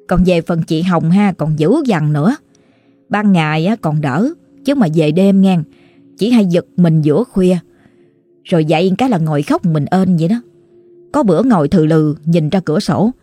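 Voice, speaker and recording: A woman's voice: mid-range voice, warm tone, no room sound. A woman with a Southern Vietnamese accent narrating a ghost story in a chatty, colloquial, exclamatory way.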